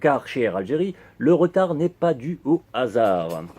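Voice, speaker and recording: A man's voice: medium pitch, very animated, unhurried, a little mellow. A man from Algeria, delivering a satirical comic monologue full of ironic punchlines. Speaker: humor columnist.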